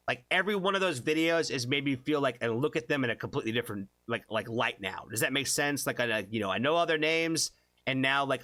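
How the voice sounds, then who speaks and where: A man's voice: medium pitch, fairly bright tone, no echo. A young man hosting a music reaction channel, chatting casually and rambling with many fillers and restarts. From born in Japan, left as an infant.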